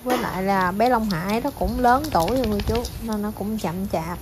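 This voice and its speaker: A woman's voice: medium pitch, a little fast, background noise. A young woman, chatting casually to her viewers about her pets and cooing to her dogs. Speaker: pet vlogger.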